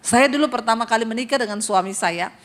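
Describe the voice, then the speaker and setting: Middle-aged woman preacher, higher voice, comic lively delivery, acts out quotes. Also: fast talker. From Sulawesi. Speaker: pastor. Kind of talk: humorous sermon.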